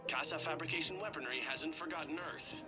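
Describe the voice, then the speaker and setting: A man's voice: fairly high pitch, fairly quick, over music, close to an everyday voice. An actor voicing a polite male store kiosk announcer giving store advertisement announcements in a game. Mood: courteous.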